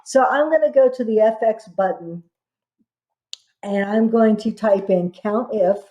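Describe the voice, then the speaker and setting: A woman instructor narrating a software tutorial step by step, dictating what gets typed piece by piece. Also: mid-range voice, measured pace, dull audio.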